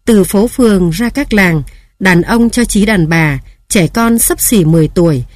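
Woman narrator for a storybook memoir, calm and measured, dry close mic. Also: medium pitch, dry recording.

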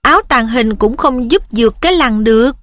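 A woman reads a teenage boy wizard, frustrated and defensive, pushing back with insistent protests in a bright, higher-pitched voice. The storybook voice sounds close and dry, with no room around it. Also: lively intonation, moderate pace, no room sound.

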